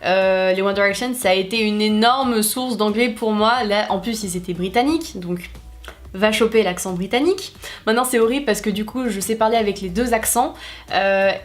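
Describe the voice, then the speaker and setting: A woman's voice: mid-range voice, normal speed, faint music behind. A young woman vlogger talking casually to her viewers, chatty, with many fillers and restarts. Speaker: YouTuber. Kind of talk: casual talk to camera.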